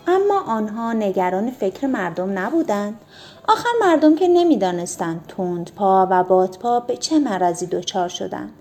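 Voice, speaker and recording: A woman reading a children's storybook aloud, gentle and expressive. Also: mid-range voice, echoey room. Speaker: narrator.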